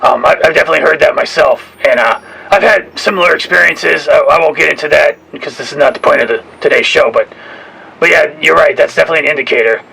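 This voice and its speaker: A man chatting casually on a podcast in a hesitant, halting way with many pauses. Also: fairly high pitch, gravelly, pushed and bright, husky, poor audio. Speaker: podcast co-host and caller. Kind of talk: casual chat. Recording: faint background noise.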